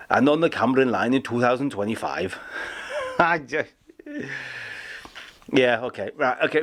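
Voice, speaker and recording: A man hosting a rail news show, reading items in a chatty way with joking self-deprecating asides. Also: medium pitch. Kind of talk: casual rail news presenting.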